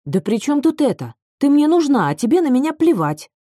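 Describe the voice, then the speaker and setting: A woman's voice: sits high, big pitch swings, fairly quick, dark tone, dry recording, clean studio sound, pitched above the performer's own voice. A woman reader voicing a distraught young woman who speaks sharply and insistently, her voice breaking. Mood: anguished.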